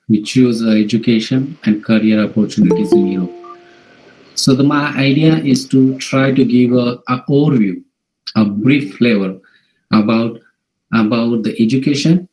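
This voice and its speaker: A man from India, a native Marathi speaker with a Marathi accent, gives an informal online presentation in a halting way, often repeating and rephrasing. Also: medium pitch, a little mellow, poor audio. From Maharashtra, India. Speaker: workshop presenter. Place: video call.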